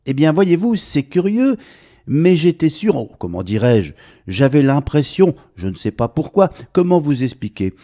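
A man puts on a fussy, talkative gentleman in a bright, raised voice that rambles on and on. The chatter tumbles out in a breathless stream, with the pitch leaping all over the place. It sounds like a storybook character being read aloud. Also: big pitch swings, normal speed. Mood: delighted.

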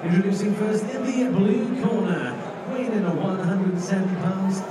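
A man's voice: normal speed, far from the mic, noisy background. A middle-aged man announcing fighters like a boxing ring announcer, formal and showy, drawing out names over an arena sound system. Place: large indoor arena, inside the cage. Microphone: handheld microphone. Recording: booming echoey arena PA, crowd and music.

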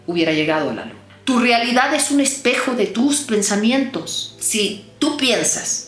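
A woman's voice: big pitch swings, soft background music. Emphatic woman coach, echoey room. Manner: emphatic, preachy, quick swings in pitch. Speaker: self-help coach. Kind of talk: motivational talk to viewers.

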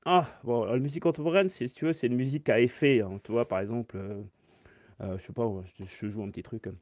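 A man's voice: mid-range voice, fast talker, no echo, muffled recording. Male music teacher doing a casual live Q&A from his phone, mid-range voice, step-by-step explanations, dry room. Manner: chatty, explains step by step, reads chat comments aloud. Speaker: saxophone teacher. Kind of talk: live-stream Q&A.

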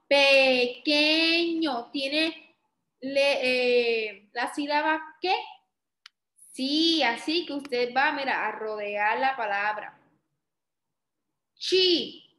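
Woman, kindergarten teacher, high voice, very slow and patient, draws out and repeats words, echoey room. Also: fairly bright tone. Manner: asks the children questions and answers them herself. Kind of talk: slow phonics lesson for young children.

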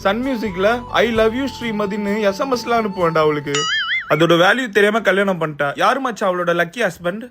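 High-pitched young man, chatty nostalgic banter, music playing behind. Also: lively intonation, fairly quick. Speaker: sketch comedian.

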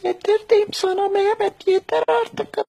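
A man's voice: extremely high pitch, unhurried, voice pushed up. A man voicing a protective, foul-mouthed village mother with a Thracian Turkish accent, scolding and exclaiming in an exaggerated cartoon-style comic dub. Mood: furious.

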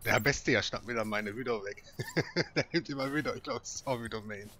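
A man's voice: medium pitch, fairly quick, sharp tone, a little hiss or hum. A man chatting casually and commenting as he plays a video game. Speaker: gamer. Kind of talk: casual gaming chat and commentary. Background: game music and effects.

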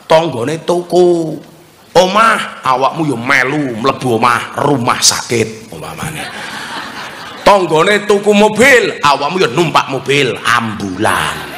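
A man's voice: mid-range voice, sing-song, slow pace, bright, forceful tone. A man with a Javanese accent preaching a comedic sermon, joking and teasing the audience. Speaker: Islamic preacher. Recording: long hall reverb, faint noise.

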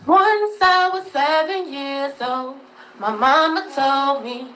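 A woman's voice: high-pitched, takes it slowly, a bit bright, echoey room. A woman singing a pop song live on a phone livestream into a handheld mic, earnest and a little nervous. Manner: earnest, nervous between lines. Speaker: guest singer. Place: home room, indoors.

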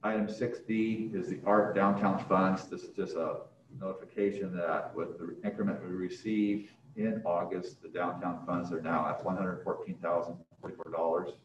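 A man with a deep voice chairs a board meeting, reading out agenda items formally with a flat delivery at normal speed. He's picked up by a distant room microphone on a video call in an echoey, muffled indoor council chamber, with slight background noise.

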